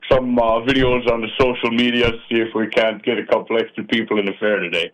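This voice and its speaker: Heard over dull AM radio, a northern Minnesota man from the Iron Range talks fast in a mid-range voice with little pitch movement. He's a polka musician and accordion player giving a casual interview, folksy and self-deprecating, joking and letting lines trail off with fillers.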